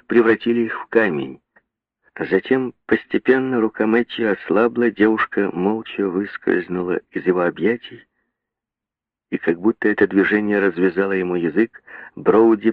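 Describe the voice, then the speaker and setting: A man reading a novel aloud as narrator, in an expressive, dramatic way. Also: lowish voice, dry recording. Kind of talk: audiobook reading. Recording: dry tinny phone-like sound.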